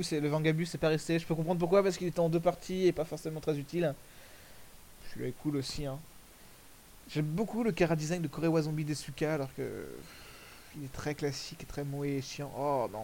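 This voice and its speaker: A man's voice: fairly high pitch, a little mellow, slight background noise, poor audio. A man giving casual, rambling commentary over video clips, correcting himself often and using crude slang. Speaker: commentator reviewing fan music videos.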